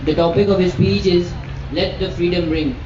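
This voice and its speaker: A man's voice: high voice, steady tone, normal speed. A man making stage announcements at a speech contest. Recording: distant, echoey, noisy, muffled hall PA.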